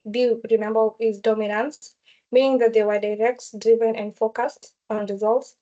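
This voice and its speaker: A woman's voice: on the high side, little pitch movement, normal speed, warm tone, highs cut off. A woman explaining a case study to classmates in a casual group discussion, with fillers and restarts. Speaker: student sharing a case study.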